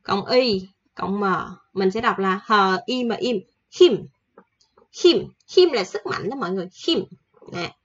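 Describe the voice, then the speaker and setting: A woman teaching a casual online language lesson, chatty and repeating each example slowly with fillers. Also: mid-range voice, fairly bright tone, breathy edge, dull audio.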